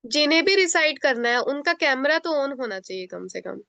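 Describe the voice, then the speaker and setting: An Indian woman teaching a children's class over a video call, explaining slowly and patiently step by step. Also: high-pitched, lively intonation, gravelly, pushed and bright, no room sound. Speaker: online teacher. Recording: dull lo-fi video call audio.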